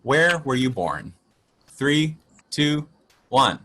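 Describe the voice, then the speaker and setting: A man hosting a casual group chat, playful and quick to laugh. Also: mid-range voice, very animated, bright, forceful tone, slight background noise. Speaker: host.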